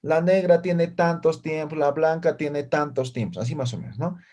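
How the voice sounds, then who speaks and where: During a classroom language lesson, a male teacher with a higher, somewhat mellow voice speaks at a moderate pace. After nearly every phrase he checks in with short questions, and students respond around him.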